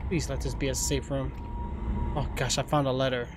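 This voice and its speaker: A man's voice: mid-range voice, level tone, a little fast. A man doing casual live game commentary into a headset, exasperated and pleading with the game. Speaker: game streamer and dad. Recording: game ambience and noise behind.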